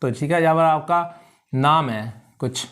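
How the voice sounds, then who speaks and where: A male chemistry teacher lecturing in a classroom, his voice sitting a little high for a man. He keeps checking that students understand and calls them "beta". He drags out key terms slowly so they can note them down. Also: a bit bright. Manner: checks understanding with repeated questions; repeats key words slowly for dictation.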